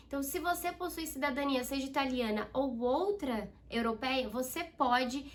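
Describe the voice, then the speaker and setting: A woman's voice: high voice, normal speed. A young Brazilian woman with a Brazilian Portuguese accent, chatting directly to her viewers and explaining things in a friendly, casual vlog. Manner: chatty, addresses viewers as "gente". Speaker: vlogger.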